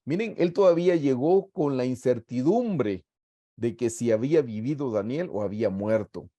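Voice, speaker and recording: A man's voice: medium pitch, animated, normal speed, mellow. A middle-aged man with a Guatemalan accent teaching a Bible study in a sermon style over a video call. He reads scripture aloud and then explains it earnestly to his listeners. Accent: Guatemalan Spanish.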